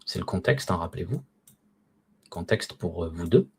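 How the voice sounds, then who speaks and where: A man gives a recorded Arabic lesson in a husky, somewhat low voice. He is patient, pronounces each form slowly and repeats it. He often stops to check that his listeners are keeping up. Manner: patient, repeats words slowly and asks if students follow. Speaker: Arabic teacher.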